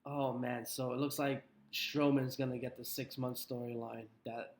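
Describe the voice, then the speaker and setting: A man's voice: mid-range voice, flat delivery, moderate pace. Laid-back man chatting over faint noise. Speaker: podcast co-host. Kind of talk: casual wrestling talk.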